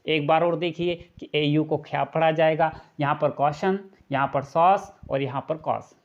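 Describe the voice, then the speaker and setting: A man's voice: on the high side, fairly even intonation, normal speed, muffled recording. A man teaching English pronunciation step by step in a video lesson, repeating each point and asking rhetorical questions. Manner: patient, step-by-step explaining. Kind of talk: classroom-style video lesson.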